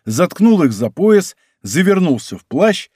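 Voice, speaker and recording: A man reading an adventure novel aloud as a narrator, with expressive, steady storytelling. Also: high voice, a little slow, slightly rough, dry recording, studio quality. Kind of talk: audiobook narration.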